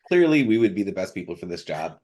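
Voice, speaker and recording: A man co-hosting a podcast, his voice sitting very low. He chats casually and throws in dry, joking asides. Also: sing-song, fast, darkish tone. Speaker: podcast co-host. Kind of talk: casual chat.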